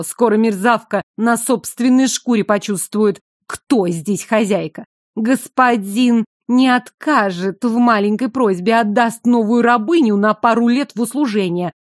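A woman's voice: a little high, no echo, clean studio sound, close to an everyday voice. Woman voicing a sly, crude serving girl. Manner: sugary on the surface, crude and spiteful underneath. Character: coarse scheming young serving girl, secretly a bandit.

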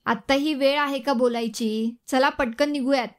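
A woman voicing a middle-aged father, calm yet pressing, in a family audio story. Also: high voice, normal speed, natural voice. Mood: urgent. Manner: calm but urgent.

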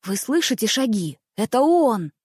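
Brief: timid squealing young man, voiced by a woman, fawning, pitched high, dry studio read. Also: very animated, measured pace, darkish tone, husky, no echo, heavily acted. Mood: eager fawning. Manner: shrill, fawning.

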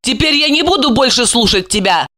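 Woman playing a high, shrill, storybook diva, scornful and exclaiming, all peaks and swoops. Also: animated, fairly quick, bright, forceful tone. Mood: proud defiant. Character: indignant, theatrical woman celebrity, quick to tears.

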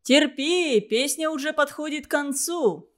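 A woman voicing a cheerful, cunning young baker who mocks his guest in a lively singsong way. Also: high voice, a little slow, voice pushed up. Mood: teasing.

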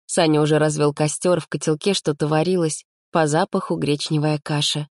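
A woman narrating a story as an audiobook reader, telling it lively. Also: low-pitched, normal speed, no echo, studio quality.

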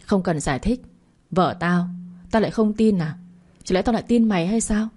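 A woman's voice: medium pitch, moderate pace, a little mellow, close to an everyday voice. A woman voicing a stern, cold young husband who speaks curtly in a spoken story. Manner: curt and harsh.

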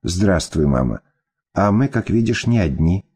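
A man's voice: low voice, big pitch swings, unhurried, darkish tone, breathy edge, exaggerated voice. A man voicing a weary, embittered woman, an ex-wife and mother who speaks firmly and with scorn. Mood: scornful. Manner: firm, scornful.

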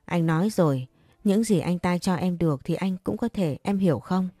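A woman's voice: lowish voice, normal speed, warm tone, no echo, studio quality, close to an everyday voice. A woman voicing a caring but pushy young man who scolds and coaxes a crying friend. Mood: coaxing. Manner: scolding yet tender, coaxing. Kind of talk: audiobook character reading.

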